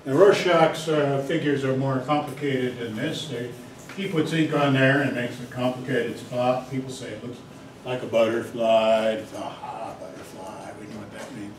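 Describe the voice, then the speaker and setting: Speaking at a moderate pace with a medium pitch and fairly even intonation, a man gives a chatty psychology lecture, addressing his students directly and wandering into side remarks. The lecture hall audio is roomy, with a distant mic and faint hiss.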